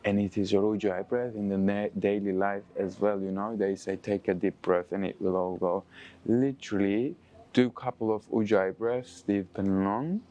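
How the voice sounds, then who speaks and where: Low-voiced male yoga teacher with non-native English. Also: steady tone, moderate pace, warm tone. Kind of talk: spoken yoga breathing lesson.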